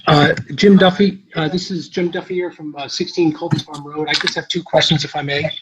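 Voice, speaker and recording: A man giving public comment at a council meeting by phone. The call audio is glitchy and keeps breaking up. He is polite and apologetic, halting with many "uh"s. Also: fairly high pitch, steady tone. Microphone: phone dial-in. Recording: muffled lo-fi call line with faint noise.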